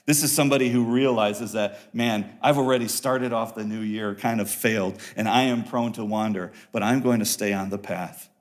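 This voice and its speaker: A man preaching a sermon to his congregation, pressing his points with rising emphasis and then dropping to quiet, low passages, often repeating words as he builds a thought. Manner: earnest preaching, swings between loud emphatic peaks and quiet low passages; repeats and restarts phrases while building a point. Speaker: pastor.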